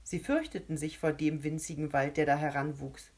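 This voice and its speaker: A woman narrating a children's storybook in a calm, steady reading voice. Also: deep voice, normal speed.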